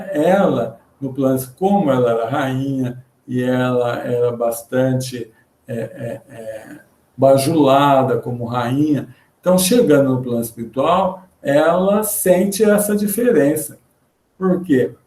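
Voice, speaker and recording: A man with a Brazilian Portuguese accent giving a religious lecture over a video call, earnest and halting, with repeated fillers. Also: mid-range voice, a little mellow. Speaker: spiritist lecturer. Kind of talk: religious lecture with read-out passages. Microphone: computer mic in a video call. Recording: roomy echoey video-call audio.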